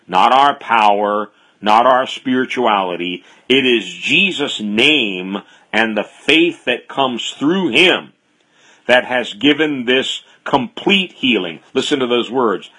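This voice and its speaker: A man's voice: mid-range voice, pushed and bright. A man preaching an expository sermon, reading scripture aloud with bold, emphatic stress.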